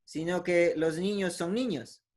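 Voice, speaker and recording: A man's voice: high voice, measured pace, darkish tone. A man giving a conversational teaching talk, with frequent "eh" fillers and self-corrections, often tagging phrases with a questioning "¿no?". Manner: ends many phrases with a questioning "¿no?". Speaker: speaker giving a talk on emotions.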